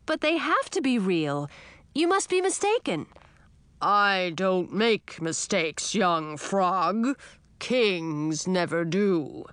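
A woman voicing an ancient male dragon king, huge, proud and absent-minded, with a slow, self-assured way of speaking. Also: medium pitch, big pitch swings, fairly bright tone, smooth, dry recording. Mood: stubborn.

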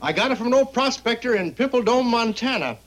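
Earnest clueless sitcom husband, middle-aged, theatrical, high voice that goes up and down a lot. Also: male voice, lively intonation, brisk, a bit bright. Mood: earnest, puzzled. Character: earnest, oblivious gentleman host, amateur folk singer. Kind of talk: 1960s television sitcom acting.

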